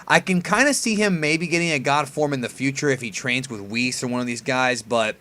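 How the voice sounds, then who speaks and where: A man's voice: mid-range voice, fairly quick, pushed and bright. Casual guy doing anime fan commentary. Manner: informal, mildly profane slang. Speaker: host reacting to an anime preview.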